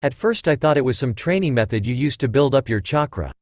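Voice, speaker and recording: A man voicing a shy, earnest young female ninja who speaks softly and hesitantly. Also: mid-range voice, lively intonation, brisk, dry recording, lo-fi sound, lightly acted. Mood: careful. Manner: soft, hesitant.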